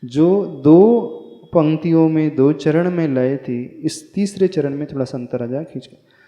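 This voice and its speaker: A man's voice: fairly high pitch, measured pace, mellow. A man, a monk, giving a spiritual discourse and teaching recitation, chanting verses and correcting pronunciation. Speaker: Jain monk teaching a hymn. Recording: echoey hall, dull lo-fi sound.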